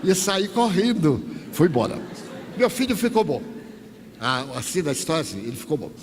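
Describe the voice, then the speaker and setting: An older man from Bahia with a Bahian accent, a spiritist lecturer, telling a story in an animated, wry, anecdotal way. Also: on the high side, moderate pace. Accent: Bahian Portuguese. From Bahia, Brazil. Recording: echoey hall, faint noise.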